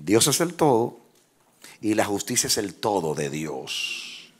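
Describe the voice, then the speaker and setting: A man preaching a sermon as pastor, who leads his congregation in call-and-response and rises into shouted, half-sung phrases. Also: on the low side, sing-song, slow pace, slightly rough. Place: church with congregation.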